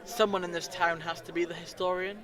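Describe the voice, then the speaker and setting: A man's voice: high-pitched, level tone, fairly quick, a bit bright, a faint crowd. A man playing a breezy, curious alien time traveller in a fan audio drama, chatty and theatrical. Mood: cheerful farewell. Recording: noisy home recording.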